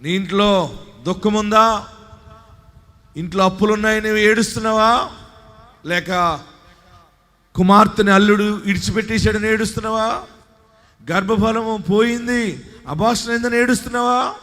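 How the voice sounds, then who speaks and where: A male pastor with a high, ringing voice preaches a live sermon, swinging between quiet asides and shouted exhortation. His words carry the long reverb of a large hall. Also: fairly even intonation, normal speed, long pauses. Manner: preaching with shouted rises and call-and-response verse reading.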